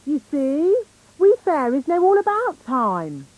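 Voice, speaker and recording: A woman voicing a bossy, brisk fairy nanny in a children's cartoon, with a British accent and a haughty, theatrical manner. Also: sits high, big pitch swings, dry recording, narrow, tinny audio, full character voice. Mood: breezy, proud. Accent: British English.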